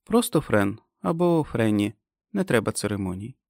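A man's voice: lowish voice, big pitch swings, moderate pace, creaky, darkish tone, dry recording, clean studio sound. A man voicing a nervous young pregnant woman who speaks hesitantly. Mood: nervous, wary. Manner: hesitant, tense.

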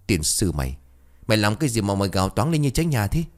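A furious old village chief from a spoken ghost story, voiced by a man. He barks and scolds in a low voice that swings up and down in pitch. He is domineering and harsh. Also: big pitch swings, fast. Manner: barking, scolding.

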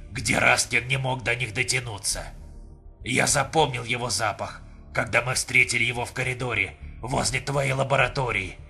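Brief: man doing a firm, matter-of-fact Neanderthal, gravelly, bright-edged, audiobook. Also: mid-range voice. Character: calm, blunt Neanderthal man, unwavering. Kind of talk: audiobook reading.

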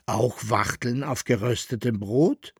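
A man's voice: medium pitch, a little slow, breathy edge, dry recording, studio quality. A man doing a drawling, amused innkeeper's guest. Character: jovial, knowing man at an inn.

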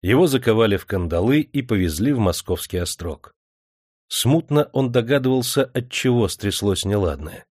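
A man reading a historical novel aloud in steady audiobook narration. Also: fairly low pitch, normal speed, dry recording, clean studio sound.

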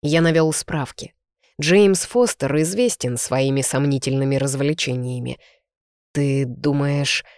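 An audiobook reader narrating a first-person novel in an even, unhurried manner. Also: mid-range voice, no echo, studio quality.

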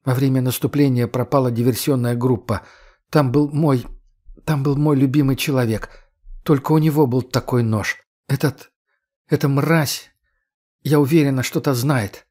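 A man's voice: medium pitch, steady tone, moderate pace, darkish tone, natural voice. A man voicing a young female soldier in an audiobook, pleading and insistent, holding back tears. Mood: bitter.

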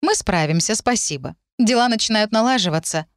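A woman voicing a middle-aged mother who runs a bakery, brisk and protective, talking in a reassuring way. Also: medium pitch, animated, no echo, clean studio sound, voice pushed up, natural voice.

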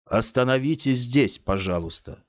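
A tense, pleading shrunken man, as a male reader voices him in an audiobook, half angry and half scared. His voice sits a little high and lively. The recording is dry and slightly muffled. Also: moderate pace, dry recording, natural voice. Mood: urgent.

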